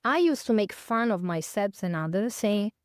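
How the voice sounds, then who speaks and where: In a reflective podcast interview, a guest in her fifties from northern Italy near Milan speaks English with an Italian accent, thoughtfully feeling her way through with fillers and self-corrections. Her smooth, resonant mid-range voice has lively intonation at a normal pace. The close recording is dry.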